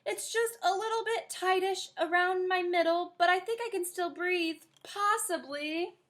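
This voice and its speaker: A woman voicing a spirited, dramatic little girl who pleads and shouts excitedly. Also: very high voice, unhurried, pitched above the performer's own voice.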